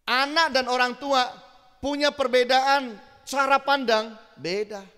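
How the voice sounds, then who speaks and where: Middle-aged male pastor, animated conversational sermon, high voice, long church hall reverb. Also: slow, clear, resonant tone. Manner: animated, conversational, acts out quotes.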